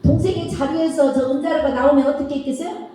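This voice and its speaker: A woman's voice: high-pitched, quick pace, distant mic. Woman preaching in an echoey church hall. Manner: animated retelling with acted quotes. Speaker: children's worship preacher. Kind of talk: storytelling sermon to children.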